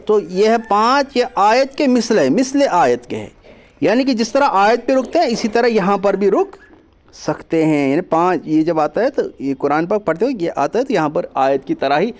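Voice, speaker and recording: Man, high voice, Quran reading teacher, patient step-by-step explanations, slow drawn-out letter names. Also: very animated. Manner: explains patiently, repeating points and drawing out letter names slowly; mixes English words into his explanations. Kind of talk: online lesson on Quran reading.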